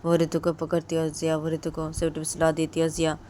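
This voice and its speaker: A woman's voice: deep voice, monotone, a little fast, dark tone, a little hiss or hum. A woman narrating a romantic story in plain, run-on sentences strung together with linking words.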